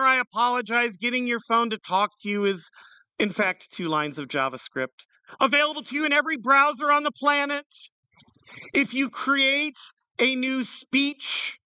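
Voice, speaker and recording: Lively punning tech-talk speaker, bright voice. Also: mid-range voice, clean tone, no echo, recorded from a distance. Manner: energetic, punning, jumps between fast and slow. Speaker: conference speaker.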